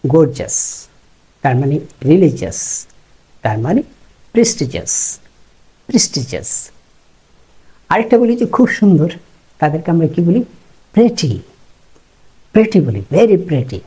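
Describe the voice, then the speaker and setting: A man from Bangladesh teaching English pronunciation, repeating words slowly to contrast right and wrong forms. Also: fairly high pitch, dark tone, breathy edge, poor audio. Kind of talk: pronunciation lesson.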